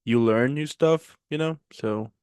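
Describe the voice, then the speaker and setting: A man's voice: medium pitch, unhurried, darkish tone, smooth, dry recording. A man hosting a casual chat show, laid-back and agreeable, with a slangy way of talking. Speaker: host.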